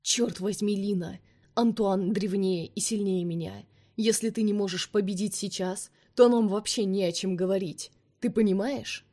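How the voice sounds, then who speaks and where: A woman voicing a fierce, scornful vampire man in an audiobook, speaking forcefully and commandingly. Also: medium pitch, normal speed, close to an everyday voice. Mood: harsh.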